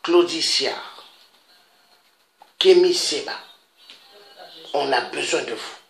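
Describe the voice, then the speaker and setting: A man from Africa making an impassioned, repetitive public appeal, pleading with his listeners and pausing on interjections. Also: on the high side, fairly bright tone, faint music behind. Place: Paris. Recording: echoey room with faint noise.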